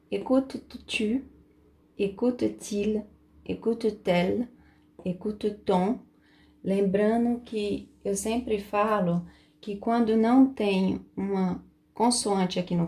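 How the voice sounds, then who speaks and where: A woman teaching French in a slow, patient lesson, going over each point carefully and saying it again. Portuguese is her first language. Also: mid-range voice, mellow.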